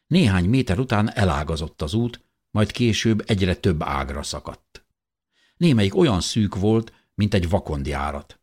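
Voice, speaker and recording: A man reading a first-person audiobook in a measured, expressive storytelling manner. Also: low-pitched, husky. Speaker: audiobook narrator.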